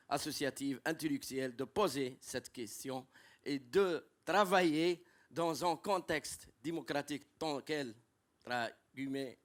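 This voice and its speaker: Slow, halting man speaking broken French. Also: mid-range voice. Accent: foreign. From Italy. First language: not French. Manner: halting, emphatic on key words. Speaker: audience member at a conference. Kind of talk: impromptu public remarks.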